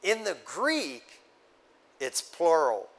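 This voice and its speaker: This male pastor's voice runs on the high side, and he speaks very slowly. His sermon works through scripture step by step, lively in tone, with offhand remarks directed at the people listening.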